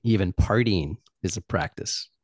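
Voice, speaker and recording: A man's voice: sits low, moderate pace, a little mellow, husky, dry recording, clean studio sound. A man in his forties talking loosely and candidly, swearing and laughing easily. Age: 40s. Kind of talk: casual chat.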